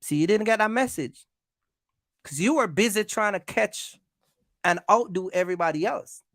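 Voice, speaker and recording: A trucking vlogger on YouTube rants casually to camera, calling out rivals in a confrontational way, repeating points and firing off rhetorical questions. The voice is medium-pitched, normal in speed, and fairly bright, recorded cleanly in a studio with no echo.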